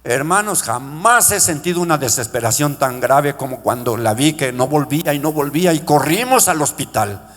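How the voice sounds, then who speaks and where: With lively intonation and a moderate pace, a middle-aged pastor preaches fervently in a church sanctuary marked by long reverb. He calls out to his brothers in the congregation, his voice soaring into shouts on quoted cries for mercy.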